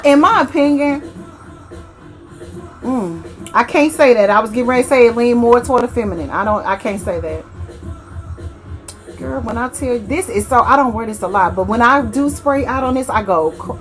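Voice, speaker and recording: A woman with a slightly high voice talks her way through a perfume review in casual, rambling chat. She corrects herself as she goes and addresses her viewers fondly. Soft music plays faintly underneath. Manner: chatty, rambling, self-correcting, affectionate. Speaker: fragrance reviewer.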